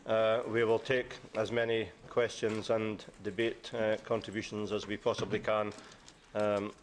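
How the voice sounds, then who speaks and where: A man chairing a conference session, hesitant and filling pauses with uh. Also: lowish voice, level tone, slight background noise. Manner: hesitant, lots of uh fillers. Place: conference room.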